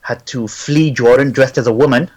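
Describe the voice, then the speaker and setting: A man's voice: medium pitch, moderate pace, darkish tone. A middle-aged man from Syria, a native Arabic speaker, answering interview questions and telling his story fluently with frequent "uh" fillers. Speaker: interview guest. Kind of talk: remote interview, conversational.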